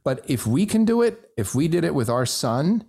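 This man, who grew up in Switzerland as a native German speaker, talks in casual conversation and lifts his pitch for emphasis on important points. His voice is husky and dark, sing-song in lilt, at a moderate pace.

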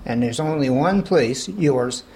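A woman's voice: extremely low pitch, animated, unhurried, warm tone, slight background noise, poor audio. A woman hosting a conversational radio interview, affirming her guest and restating points for listeners.

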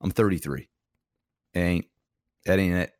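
A man's voice: sits low, fairly even intonation, measured pace, no echo, studio quality. A man in his thirties co-hosting a gaming podcast, talking bluntly with slang. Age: 30s. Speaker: podcast co-host. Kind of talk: casual podcast chat.

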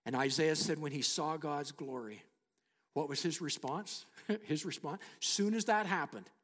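A middle-aged man preaching a sermon, slowing down and dropping to a hushed near-whisper for emphasis. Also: a little high, in a large hall. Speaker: pastor.

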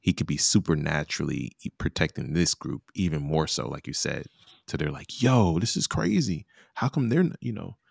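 Man, late 30s, very low voice, gravelly, slangy and relaxed, casual scripture talk. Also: normal speed, no room sound, studio quality. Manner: laid-back, laughs often, slangy. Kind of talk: casual Bible study chat.

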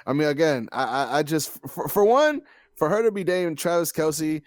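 Slangy guy on a podcast, bit high voice, super dry recording, opinionated casual chat. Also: animated, normal speed, no echo. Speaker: podcast host.

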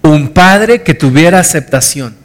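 A man's voice: fairly high pitch, animated, a little slow. A middle-aged man preaching a sermon, earnest and emphatic, repeating key phrases. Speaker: pastor.

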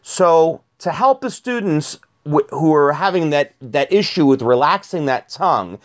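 A man's voice: on the high side, expressive, unhurried, highs cut off. A man giving a spoken workshop on teaching young singers, explaining step by step with fillers and repeated words. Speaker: vocal pedagogy teacher.

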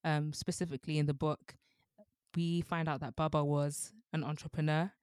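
A woman's voice: low voice, flat delivery, moderate pace, a little mellow, clean tone, no echo, studio quality. A young woman, co-hosting a casual book discussion podcast, chatty with many fillers and frequent laughs. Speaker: book club podcast co-host.

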